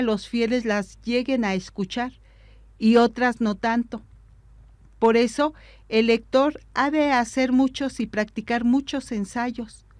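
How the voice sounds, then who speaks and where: A woman explains how readers should proclaim scripture. She talks slowly and deliberately, in a somewhat high voice, and the recording is close and dry. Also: no room sound. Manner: measured, didactic, deliberate. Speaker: liturgy instructor. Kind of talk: instructional talk on liturgical reading.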